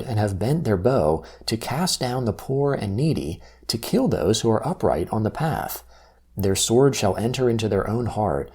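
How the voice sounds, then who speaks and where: A man reading scripture aloud from a text in a solemn, measured recitation. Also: fairly low pitch, a little mellow, breathy edge. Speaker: scripture reader.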